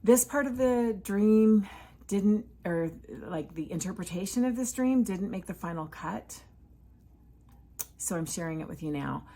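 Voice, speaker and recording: A woman author sharing an earnest Sunday reflection on faith, speaking in a measured way with thoughtful pauses. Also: mid-range voice, animated, mellow.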